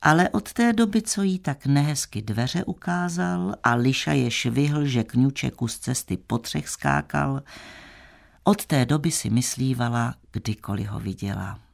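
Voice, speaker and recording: A man narrating a classic tale in a measured, old-fashioned storytelling manner. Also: mid-range voice, creaky. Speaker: audiobook narrator.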